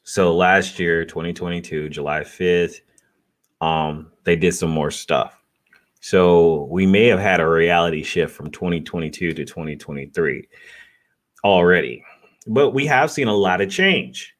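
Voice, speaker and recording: A man's voice: low voice, measured pace. A man giving a casual, off-the-cuff reaction as a vlogger, talking in a loose, slangy, rambling way.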